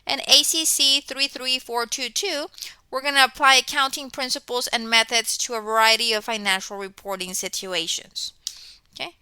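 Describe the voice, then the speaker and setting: With a clean, bright, forceful voice on the high side, steady in tone and moderate in pace, a middle-aged woman welcomes students in a semi-scripted talk. Born in Mexico and raised in Texas, the college instructor explains things with enthusiasm and keeps checking in with "okay"; there is no echo.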